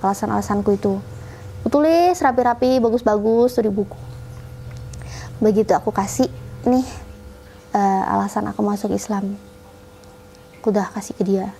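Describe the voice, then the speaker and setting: A woman's voice: medium pitch, steady tone, fairly quick, gravelly, long pauses, mellow, slight background noise. A woman guest in an interview, telling a personal story casually and acting out her family's lines as she goes.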